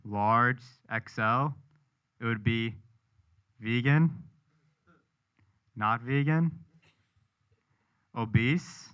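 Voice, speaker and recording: A young male comedian from New Hampshire works through a stand-up set with dry, self-mocking punchlines. His voice is bright and clean. The recording is a bit dull in the highs. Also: smooth. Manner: self-deprecating, punchline delivery. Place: live comedy show with audience.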